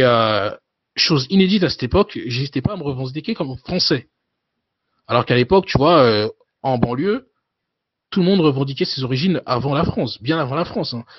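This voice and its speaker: A man's voice: mid-range voice, slightly rough, dry recording. A man in his thirties, a guest in a casual interview, talking loosely with many hesitations and filler tags. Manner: loose, with frequent hesitations and "you know" tags. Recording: dull, dry lo-fi sound.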